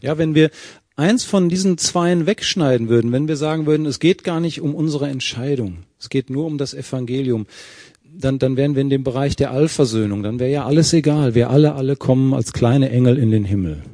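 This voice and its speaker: Ein Mann, der lebhaft predigt, einen Bibeltext Vers für Vers auslegt und der Gemeinde Fragen stellt. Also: male voice, medium pitch, fairly quick, no echo, studio quality. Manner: lively preaching, verse by verse, with questions to the congregation. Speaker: preacher. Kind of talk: sermon.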